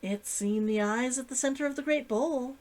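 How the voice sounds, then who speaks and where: A woman's voice: sits high, normal speed, darkish tone, pitched above the performer's own voice, natural voice. A woman voicing a curious, restrained male adventurer in a story reading. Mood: intrigued. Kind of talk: acted dialogue in a story reading.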